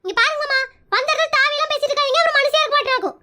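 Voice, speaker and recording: Comedy skit: woman as feisty scolding wife, extremely high voice, very rapid delivery, Kongu Tamil accent. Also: sharp tone, heavily acted. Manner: scolding, threatening, bickering. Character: feisty wife seeking divorce, scolding her husband.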